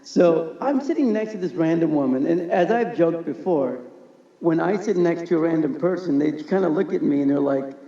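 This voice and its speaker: Man, podcast guest, gravelly voice, warm dark tone, laughs while telling stories, echoey muffled recording. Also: fairly high pitch, normal speed. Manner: animated, laughs through his stories. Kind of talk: casual storytelling.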